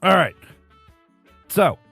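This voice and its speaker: A man's voice: drawn-out words, bright, forceful tone, soft background music. A man co-hosting a casual beer podcast, laughing often and slipping into silly character voices. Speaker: podcast co-host. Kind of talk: casual chat.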